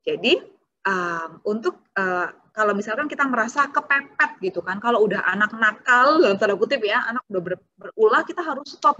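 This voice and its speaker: Bright-voiced woman giving a parenting talk. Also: mid-range voice, muffled recording. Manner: explanatory, acts out children's and parents' lines. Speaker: child psychologist.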